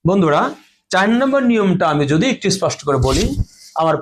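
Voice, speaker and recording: High-voiced man teaching a grammar lesson. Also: very animated, slight background noise. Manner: explains slowly, repeats each rule and example words. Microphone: phone or camera in front of a board.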